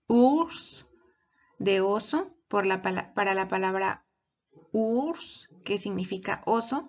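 A woman teacher talks small children through a lesson at a slow, unhurried pace. Her instructions come patiently, one step at a time. The computer mic sounds dull and lo-fi. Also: mid-range voice. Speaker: kindergarten teacher. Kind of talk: bilingual recorded lesson for young children. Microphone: computer microphone.

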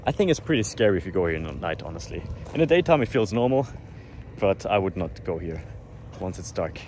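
A young man vlogging casually about cars, relaxed and chatty, excited while driving. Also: low voice, brisk. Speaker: car vlogger. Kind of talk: casual vlog commentary. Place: outdoors in a desert ghost town, then inside a car. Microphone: action camera, handheld and dash-mounted. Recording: loud engine and wind noise.

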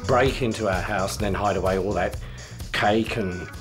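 A man's voice: lowish voice, normal speed, music in the background, close to an everyday voice. An actor playing a fussy, easily flustered middle-aged father who grumbles indignantly. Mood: grumbling.

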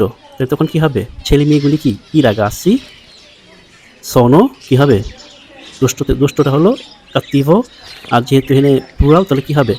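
A man teaching a language lesson, explaining patiently and saying example sentences very slowly and deliberately. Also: on the high side, dark tone, a little hiss or hum.

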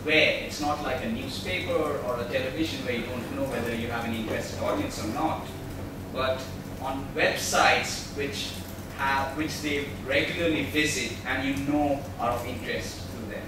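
Ein Mann hält am Rednerpult einen erklärenden Vortrag vor Publikum und stellt zwischendurch Fragen an die Zuhörer. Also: male voice, mid-range voice, fairly even intonation, moderate pace. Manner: explanatory, asks the audience questions. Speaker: presenter at a tech meetup. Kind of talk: presentation talk. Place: large meeting room, speaking at a podium. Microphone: far camera mic. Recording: echoey room recorded from far off, noisy.

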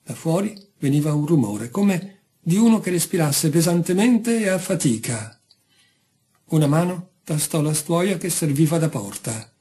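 A man reading a short story aloud, calm and measured. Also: a little high, breathy edge. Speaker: audiobook reader. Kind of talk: scripted narration.

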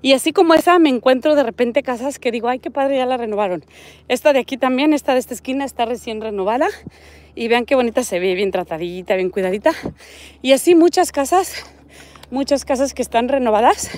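A woman's voice: high voice, lively intonation, a little fast, darkish tone. Chatty Mexican woman vlogging outdoors. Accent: Mexican Spanish. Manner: chatty, reads viewer comments aloud, points things out. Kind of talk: casual live-stream walking vlog. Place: outdoors on a residential desert street.

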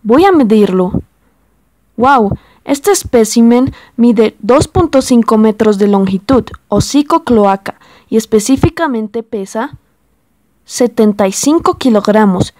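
A woman playing an earnest, excitable male scientist on an old-time expedition, in a scripted, declaiming manner. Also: on the high side, a little slow, no echo. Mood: excited.

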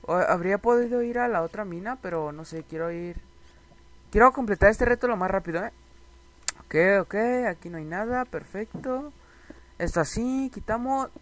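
A young man giving excitable, repetitive commentary over a Minecraft challenge and talking straight to his viewers. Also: high-pitched, moderate pace. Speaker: gaming youtuber.

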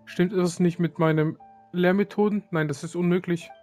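A man's voice: sits high, steady tone, moderate pace, darkish tone, faint music behind, lightly acted. A man reading aloud the lines of a woman who looks after young saurians. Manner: reads game lines aloud, with slips.

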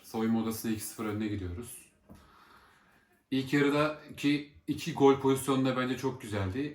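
A man giving casual match reactions as a fan vlogger, repeating and rephrasing his points as he goes. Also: medium pitch. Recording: echoey room with faint background noise.

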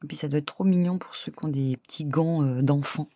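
A woman's voice: low voice, a little fast, warm tone, no echo. A middle-aged woman hosting a casual craft tutorial, chatting with viewers as she works. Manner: chatty, laughs often, addresses viewers directly.

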